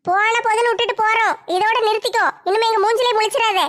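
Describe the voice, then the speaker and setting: A woman's voice: very high voice, steady tone, quick pace, a bit bright. A woman voicing a fierce village woman who taunts and threatens a rival. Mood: menacing. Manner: threatening, taunting, vicious relish. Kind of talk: one-woman comic skit.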